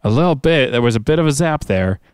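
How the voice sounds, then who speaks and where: A man in casual podcast chat, telling a story in a relaxed, rambling way, close to the mic. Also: mid-range voice, quick pace, clean tone, no echo. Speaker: podcast co-host.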